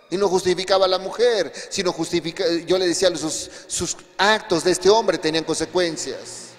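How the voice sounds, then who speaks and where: A fairly high-voiced man preaching in a church hall. He tells his testimony emphatically, dropping low and then rising again. A long reverb trails each phrase. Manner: emphatic storytelling, swinging between quiet and raised passages. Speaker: pastor. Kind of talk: sermon with testimony.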